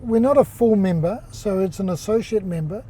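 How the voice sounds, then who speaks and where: A man with a New Zealand accent speaks in a fairly high, mellow, husky voice. He has the easy, halting rhythm of an older executive, full of fillers and restarts. He comes across as a relaxed guest in a casual interview.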